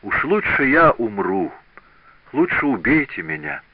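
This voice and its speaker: A man's voice: mid-range voice, very animated, measured pace, dry recording, muffled recording. A man voicing a frightened, desperate young male apprentice in an audiobook. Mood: defiant. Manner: stammering, desperate pleading.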